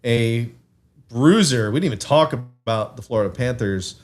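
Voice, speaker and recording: A man co-hosting a casual fan podcast, thinking out loud with fillers and laughing at himself. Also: medium pitch, animated, moderate pace. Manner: rambling, self-amused, thinks aloud with many fillers. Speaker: podcast co-host. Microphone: desk mic with camera, streaming live.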